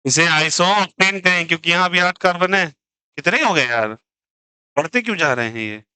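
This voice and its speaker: A man teaching chemistry in a lively, teasing classroom lecture, joking and pushing students to answer. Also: sits high, normal speed, clean tone, no room sound, poor audio.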